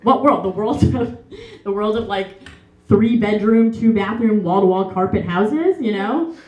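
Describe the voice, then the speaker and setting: A woman's voice: mid-range voice, unhurried, a little mellow, close to an everyday voice. A young woman performing a comic monologue in a stage musical, chatty and self-mocking, full of fillers. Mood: wry. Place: theater stage, live. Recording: roomy stage with faint music.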